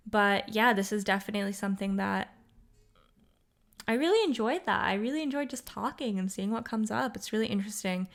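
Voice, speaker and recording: A young woman talks through her solo podcast in a smooth, clear voice at a middle pitch. She rambles in an upbeat way, full of fillers and restarts, and she sounds a little tired. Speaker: podcast host. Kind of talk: casual solo podcast monologue.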